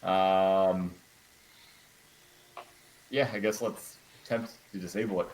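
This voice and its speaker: A man's voice: low voice, fairly even intonation, takes it slowly, a little mellow, slight background noise, rough recording. A man playing a tabletop game, talking casually and asking the game master many questions. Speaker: player.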